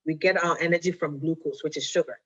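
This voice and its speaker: A woman's voice: low voice, steady tone, quick pace, slightly rough. A woman, a diabetes educator giving a casual health talk. She speaks conversationally, often checking in with "right?" and slipping Twi phrases into her English. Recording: dull lo-fi recording.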